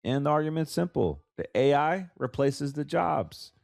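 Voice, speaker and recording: Fairly high-pitched, animated and creaky with a darkish tone, this American financial advisor speaks at a normal speed on his conversational solo podcast. Allergies leave him stuffy and congested, and he repeats words for emphasis; the studio-quality recording has no room sound.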